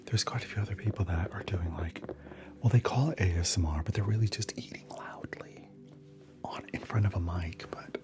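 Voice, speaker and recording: A man's voice: deep voice, normal speed. A man whispering casually through an ASMR livestream, chatting with viewers and answering their comments between snacks.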